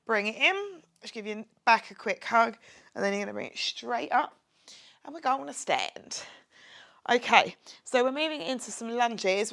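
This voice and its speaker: A woman's voice: mid-range voice, a bit bright. Upbeat woman coaching a workout. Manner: upbeat, encouraging, chatty with jokes; exercising while talking, drops to a whisper at times. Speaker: fitness instructor. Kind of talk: home workout instruction. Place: her home, near a street window.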